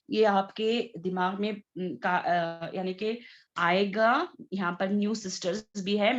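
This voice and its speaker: A woman teaches recitation in an online class, speaking very slowly and drawing each word out in patient repetition. Her voice sits at an ordinary middle pitch. The audio is dull and lo-fi. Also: fairly bright tone. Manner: patient, repeats words slowly as examples.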